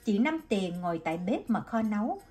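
A woman reading a story aloud as an audiobook narrator with an expressive delivery. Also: medium pitch, moderate pace, faint music behind. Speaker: audiobook reader.

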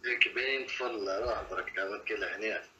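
A man's voice: lowish voice, rapid-fire, pushed and bright, lo-fi sound, a little hiss or hum. A man on a video chat teasing and heckling the host.

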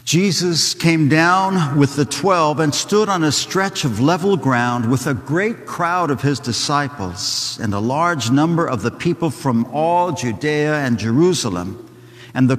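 A man, a priest, proclaiming the gospel at Mass in a measured, solemn way, from an altar microphone in a large church. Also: a little high, lively intonation. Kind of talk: gospel reading and sung alleluia at Mass. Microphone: altar microphone from a far camera. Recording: long church reverb.

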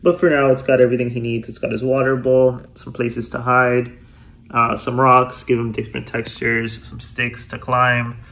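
A man's voice: mid-range voice, level tone, normal speed, a bit bright, echoey room. A young man in his twenties vlogging about his reptiles at home, eager and full of fillers and repeated words. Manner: enthusiastic, many fillers and repeats. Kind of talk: casual vlog. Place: room at home with reptile tanks.

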